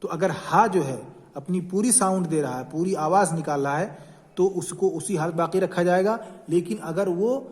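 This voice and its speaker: A man's voice: a little high, darkish tone, in a large hall. A man teaching a grammar lesson, explaining patiently and repeating each example as he points to the text. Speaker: Urdu teacher.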